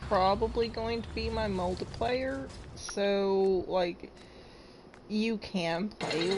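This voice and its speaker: Young woman streamer, giggly and unhurried, light hiss in the background. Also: medium pitch. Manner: giggly, laughing a lot between words. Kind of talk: casual live-stream gameplay chat.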